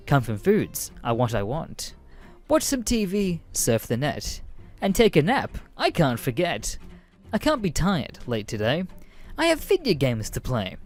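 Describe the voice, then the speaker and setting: A man's voice: a little high, darkish tone. A man doing a smug sing-song slacker. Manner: sing-song rhyming taunts. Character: smug gloating young man without a job.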